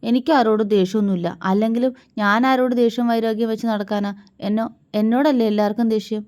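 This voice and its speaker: An emotional young wife, high and pleading, sulky when hurt, as a woman narrator puts her on. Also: fairly even intonation, fast talker, a little mellow, close to an everyday voice.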